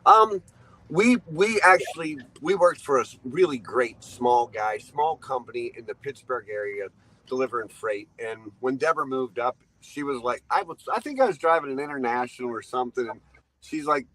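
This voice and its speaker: A man's voice: mid-range voice, animated, moderate pace, fairly bright tone, low-quality recording. A man in his fifties, a truck driver guest, tells long rambling anecdotes, laughing often and acting out what people said. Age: 50s. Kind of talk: storytelling interview.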